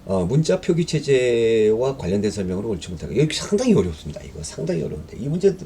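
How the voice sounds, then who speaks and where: A man's voice: on the low side, sing-song, fast talker, mellow, slight background noise. A man teaching a history exam-prep lecture in a conversational way, reading questions aloud and explaining them with fillers and rhetorical questions.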